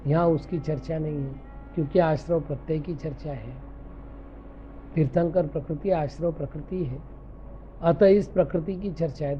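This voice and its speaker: A man, a monk teaching scripture, who recites verses deliberately and then explains them in a patient way. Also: a little high, slight background noise. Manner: patient, explanatory, corrects common misreadings. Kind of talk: scripture lecture in Hindi. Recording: dull lo-fi recording with faint music.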